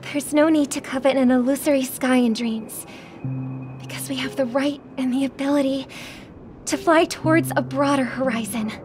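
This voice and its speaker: An actress voicing a graceful young singer, speaking softly and earnestly in a video game. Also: female voice, sits high, steady tone, moderate pace, close to an everyday voice. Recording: game audio with music behind.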